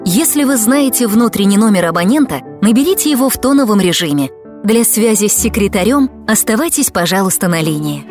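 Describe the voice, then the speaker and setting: Woman doing a phone menu voice, polite formal announcer, mid pitch, music playing behind. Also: expressive, brisk. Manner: formal, polite customer-service delivery. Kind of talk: scripted phone menu voice, recorded greetings.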